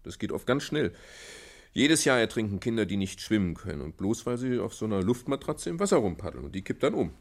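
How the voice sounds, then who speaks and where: An actor playing a good-humored father in a children's radio play, patient and gently teasing, often chuckling as he explains things to his little girl. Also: on the low side, very animated, a little fast. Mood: earnest warning.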